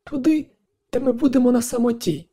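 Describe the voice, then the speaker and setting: A man doing a lovesick female ship computer, way up high, shaky, soft mellow tone. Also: steady tone, fairly quick. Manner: slightly unsteady, trembling voice. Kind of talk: audiobook narration.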